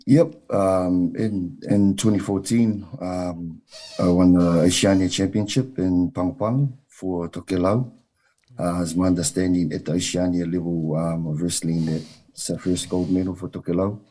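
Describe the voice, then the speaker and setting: Deep low-voiced man, halting interview answers. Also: fairly even intonation, mellow. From New Zealand. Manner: measured, many ums and uhs. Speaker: wrestling coach and guest.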